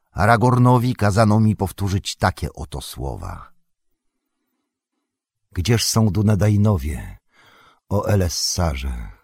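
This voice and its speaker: Old grey-bearded wizard, read by a man, deep, husky, slow, commanding. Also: a little mellow, no echo, clean studio sound, heavily acted. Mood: solemn. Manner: measured, grave, commanding. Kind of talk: audiobook character voice.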